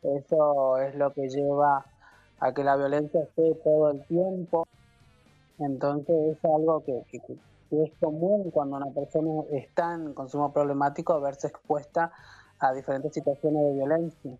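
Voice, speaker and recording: A woman speaking earnestly, with halting repeats, as an activist interviewed over an echoey speakerphone phone call. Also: sits low, fairly even intonation, mellow, soft background music. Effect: echoey speakerphone phone line. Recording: dull lo-fi phone line.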